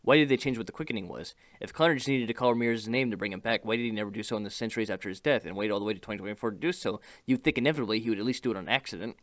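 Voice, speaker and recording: A man narrating a scripted film review voice-over in a brisk, wry manner, rattling off critical questions. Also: fairly low pitch, dry recording. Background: background music.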